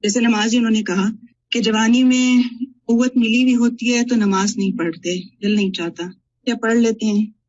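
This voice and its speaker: Woman, student, husky breathy voice, earnest, recounting, religious class discussion, dull lo-fi recording. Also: a little high, fairly even intonation, normal speed, darkish tone.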